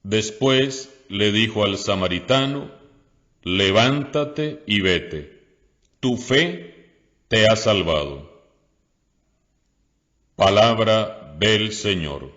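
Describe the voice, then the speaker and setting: Slow-reading priest in a reverberant church. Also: male voice, fairly low pitch, fairly bright tone. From Costa Rica. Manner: slow, measured reading aloud. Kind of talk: liturgical reading and homily. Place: parish church. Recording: dull lo-fi audio with long church reverb.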